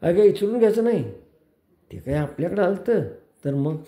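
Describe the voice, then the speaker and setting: A man voicing a short-tempered village husband who scolds his wife loudly. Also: high voice, animated, normal speed, echoey room, pitched above the performer's own voice. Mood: irritated. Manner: shouting, scolding.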